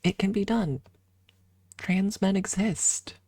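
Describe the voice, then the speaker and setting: Close-miked and completely dry, this woman chats casually as an ASMR streamer in a mid-range voice. She talks slowly and haltingly, her breathy, soft delivery sliding between gentle speech and frequent whispering.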